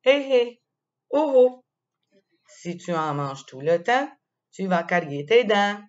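A woman putting on a high sing-song scolding mom. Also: big pitch swings, slow pace. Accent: Quebec French. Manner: sing-song, raised and emphatic. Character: scolding mother warning her child. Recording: dull lo-fi sound.

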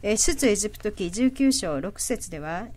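A woman giving a live interpretation of a sermon. She speaks haltingly, with frequent fillers and self-corrections. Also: medium pitch, expressive, a little mellow. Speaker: simultaneous interpreter.

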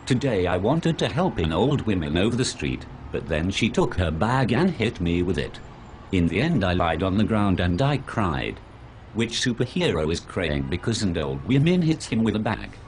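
A man's voice: low voice, very animated, moderate pace, slight background noise. A man playing a failed superhero in a dramatic, sorrowful monologue full of self-pity. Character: self-pitying, tearful failed male superhero.

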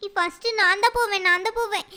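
A woman doing a squeaky, timid cartoon little girl. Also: steady tone, fast talker, sharp tone, heavily acted. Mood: excited. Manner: fearful, whiny.

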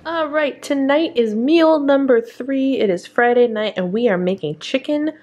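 Speaking high and at a measured pace, this woman has a slightly mellow tone as she leads a casual cook-along from her home kitchen. The home cooking vlogger stays chatty and upbeat, laughing at her own mistakes. The sound from the camera over the counter, with her hands in shot, comes across dull.

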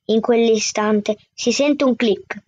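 Woman reading a book out loud, higher pitched, dull dry lo-fi sound. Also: slow, no room sound. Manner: steady first-person narration. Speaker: book reader. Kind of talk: reading a novel aloud.

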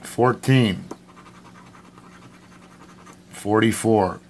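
A middle-aged American man giving casual, halting commentary to camera in short phrases, recorded at home. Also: lowish voice. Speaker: vlogger. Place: indoors at home, at a tiled table. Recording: clearly noisy home recording. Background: noise and scratching sounds.

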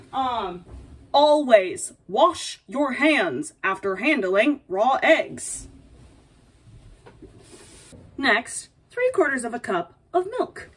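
A woman's voice: high voice, husky, full character voice. A young woman playing a playful, sassy princess hosting a comedic baking tutorial, with dry asides and a mock-dainty manner. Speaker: baking video host. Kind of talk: comedic in-character cooking tutorial. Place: small home apartment kitchen, indoors. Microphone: camera a few feet away. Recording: distant kitchen camera microphone.

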